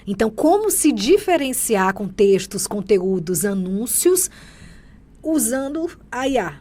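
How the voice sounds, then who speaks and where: A woman's voice: a little high, very animated, a little slow, warm tone. Brazilian woman host asking questions. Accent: Brazilian Portuguese. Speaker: interview host. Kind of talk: interview questions.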